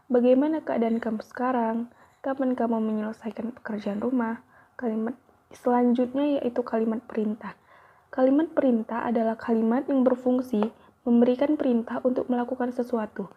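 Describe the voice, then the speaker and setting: Reading a grammar lesson aloud, a young female university student speaks in a slightly high voice with a breathy edge. She stays careful and steady despite small slips, and the recording sounds tinny, as if from a phone.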